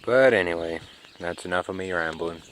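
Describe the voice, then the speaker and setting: Very deep-voiced sleepy man. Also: moderate pace, a bit bright, slight background noise. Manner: laid-back, rambling, drawling. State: sleepy, yawning. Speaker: car vlogger. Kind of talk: casual rambling chat. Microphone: phone camera.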